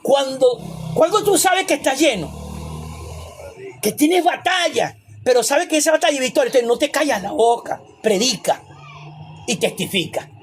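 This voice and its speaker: A man's voice: very high voice, lively intonation, moderate pace, slight background noise. A man preaching a sermon as a pastor, emphatic and repetitive, with rhetorical questions and asides.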